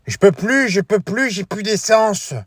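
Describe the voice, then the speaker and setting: A man's voice: high voice, unhurried, fairly bright tone, dry recording, studio quality, voice pushed up. Whiny boy, as a man puts him on. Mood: worried. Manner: whiny, worried. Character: young boy who took his father's car. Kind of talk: comedy sketch.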